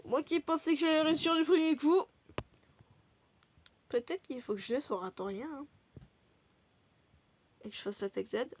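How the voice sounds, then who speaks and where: A woman commenting on her own video game run in a chatty, excitable way, swearing freely as she reacts. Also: high-pitched, normal speed, long pauses. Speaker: gaming video creator. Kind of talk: let's play commentary.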